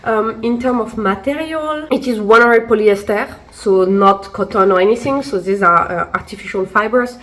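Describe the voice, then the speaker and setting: She has a medium-pitched, slightly bright voice and keeps a moderate pace with few pauses. A fashion vlogger shaking off a cold, she chats through a casual try-on haul with many fillers and restarts, recorded on a camera mic from a seated position.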